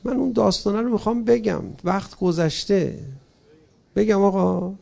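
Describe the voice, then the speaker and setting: A male preacher telling a mourning story in a sermon, fervent, swinging from loud pleading to hushed lines. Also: high-pitched, vocal fry.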